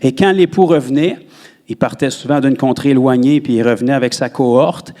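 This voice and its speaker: A man with a Québécois French accent, preaching a sermon in a church and jumping up in pitch on words he stresses. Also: brisk. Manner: animated preaching, rises sharply on emphasized words. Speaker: pastor.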